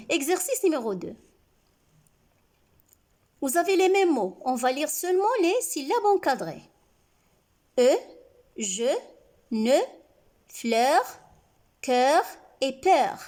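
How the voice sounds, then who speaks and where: A primary school teacher with a high-pitched, darkish voice leads a reading lesson for young pupils. She says words slowly and clearly, syllable by syllable, questions the class and praises their answers.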